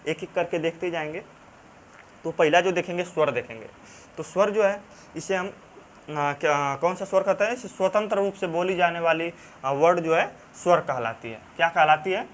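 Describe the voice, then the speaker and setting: A man with a Banarasi accent teaching a grammar lesson in a fairly high voice. He goes over each term again and again, stops to ask if the class is following, and fills his pauses with drawn-out sounds. A faint hiss runs under the recording. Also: a bit bright. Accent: Banarasi Hindi. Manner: repeats key terms, checks in with "theek hai"; halting, many fillers and restarts.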